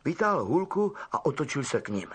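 A man's voice: fairly high pitch, breathy edge. A man reading a novel aloud as an audiobook narrator, telling it expressively. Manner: expressive storytelling. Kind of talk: scripted narration.

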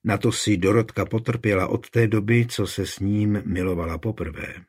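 A man narrating a historical novel in a measured, even storytelling manner. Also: fairly low pitch, breathy edge. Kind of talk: scripted audiobook narration.

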